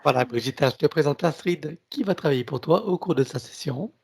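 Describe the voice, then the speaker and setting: A man's voice: a little high, animated, fairly quick, creaky, a little mellow, husky. A man hosting a spiritual session in an informal, conversational way.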